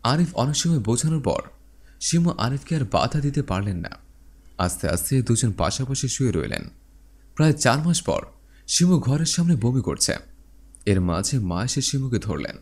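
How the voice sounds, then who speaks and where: Give me a man narrating a dramatized story in a very animated, sing-song delivery. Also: moderate pace. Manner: voices every character with shifts in pitch.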